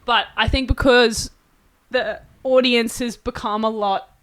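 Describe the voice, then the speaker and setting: A woman's voice: a little high, fairly even intonation, measured pace, fairly bright tone, no room sound. Young woman, casual band interview, rambling delivery, dry recording. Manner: rambling, laughs often, many fillers. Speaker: band member. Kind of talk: casual chat.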